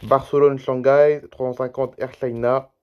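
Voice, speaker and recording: A man's voice: mid-range voice, little pitch movement, unhurried, smooth, dull audio. A tired man YouTuber giving rambling, chatty commentary over a screen recording, reading out flight routes one after another.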